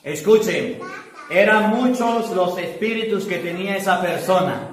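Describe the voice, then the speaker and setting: Priest, high voice, emphatic urging sermon, echoey church mic from a distance. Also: male voice, measured pace, noisy background. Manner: emphatic, repetitive, urging listeners.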